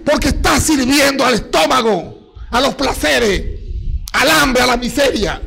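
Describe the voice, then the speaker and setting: A man preaching a sermon in a very high voice with a gravelly edge. He hammers his points with repetition and keeps throwing rhetorical questions at the listeners. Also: animated, measured pace, sharp tone, poor audio. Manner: fires rhetorical questions at the congregation.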